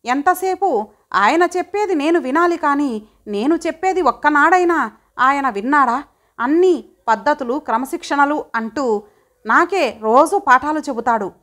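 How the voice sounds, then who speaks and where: A woman's voice: high voice, a bit bright, pitched above the performer's own voice. A woman voicing a stubborn teenage boy who talks back in a sullen, sarcastic way.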